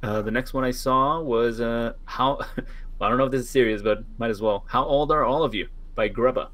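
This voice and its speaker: A man in his twenties hosting a casual online Q&A, relaxed and jokey, thanking each caller in turn. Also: mid-range voice, normal speed. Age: 20s. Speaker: Q&A host.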